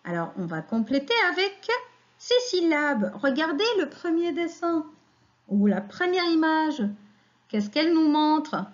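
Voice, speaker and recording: Woman teacher, high lively voice, slow patient kindergarten phonics lesson, slightly dull lo-fi recording. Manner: slow, patient, questioning children and praising them.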